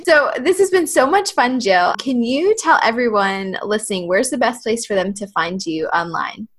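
A woman's voice: a little high, lively intonation, normal speed, slightly rough. A woman hosting a podcast interview, enthusiastic and full of praise. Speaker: podcast host.

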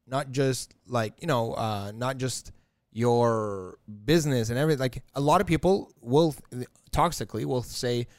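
A man's voice: medium pitch, moderate pace, no room sound, studio quality. A man in his thirties co-hosting a podcast, rambling and leaning heavily on filler words. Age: 30s. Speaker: podcast co-host. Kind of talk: casual chat.

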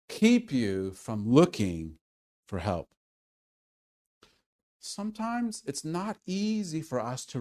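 Male preacher, earnest and chatty, slow delivery. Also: mid-range voice. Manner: earnest, conversational preaching with sudden loud calls. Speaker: pastor. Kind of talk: sermon.

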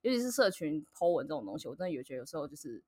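A woman's voice: deep voice, very animated, very fast, a little mellow. A woman with a Taiwanese Mandarin accent co-hosting a casual chat podcast, bantering with blunt, emphatic remarks and frequent laughter. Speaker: podcast co-host.

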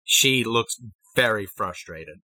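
A man running a tabletop game as game master, narrating the action in brisk present tense. His tone is bright and forward, and the sound is dry and close. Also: on the low side, animated, dry recording.

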